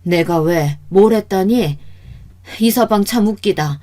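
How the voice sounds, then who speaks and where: Brief: woman reading a suspicious elderly mother-in-law in a radio story, sharp, raised, scolding. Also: medium pitch, slow pace, natural voice. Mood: defiant. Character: stubborn old mother-in-law, feisty and suspicious.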